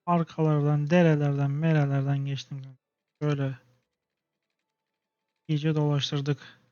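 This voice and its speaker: A man's voice: on the high side, level tone, a little slow, warm tone, dry recording, lo-fi sound. Exasperated young man ranting over gameplay. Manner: exasperated, talks to himself and the game with slangy outbursts. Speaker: gaming channel host. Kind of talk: casual gameplay commentary.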